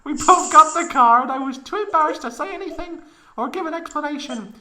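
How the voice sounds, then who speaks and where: A woman reads comedic fan fiction in a brisk, high-pitched, sharp voice, playing a proud young woman who melodramatically relates an embarrassing episode. The delivery is overwrought and anguished, with giggles barely held back.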